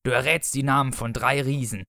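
A man voicing Death as a grumpy, bony, irritable grim reaper who speaks slowly and gruffly in a storybook reading. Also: medium pitch, fairly even intonation, sharp tone, dry recording, studio quality, close to an everyday voice. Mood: gruff grudging. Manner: slow, grinding, gruff.

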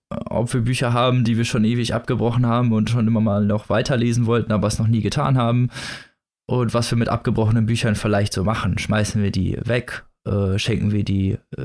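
A man's voice: medium pitch, a little mellow. A young man in his twenties hosting a casual podcast, leading the talk with jokes. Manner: jokey, leads the talk. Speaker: podcast host. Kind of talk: casual chat.

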